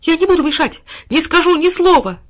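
A woman voicing a loyal, eager male dog who pleads and gushes in a high, loud voice. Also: brisk. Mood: pleading.

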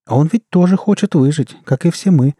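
A man's voice: fairly high pitch, a little fast, mellow, husky, dry recording, clean studio sound, pitched above the performer's own voice. A man voicing a wry, skeptical young woman in an audiobook.

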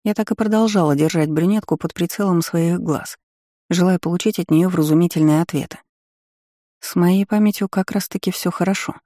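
A woman reading a first-person novel aloud in an even, measured storytelling manner. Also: fairly low pitch, no room sound, studio quality. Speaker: audiobook reader.

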